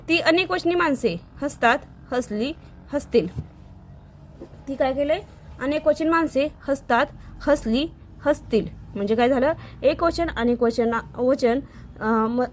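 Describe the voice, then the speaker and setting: A woman teacher walks young students through a grammar lesson, going step by step and repeating each word form slowly. Her voice sits high, and a faint hiss runs under the recording.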